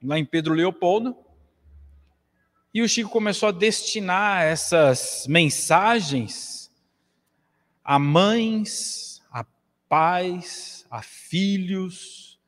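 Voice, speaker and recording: A Brazilian man in his forties delivers an earnest spiritist lecture, gesturing widely at a lectern. His voice sits high for a man. The stand mic picks him up in a small hall with a long, ringing reverb. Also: fairly bright tone. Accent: Brazilian Portuguese. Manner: earnest, preaching with wide gestures.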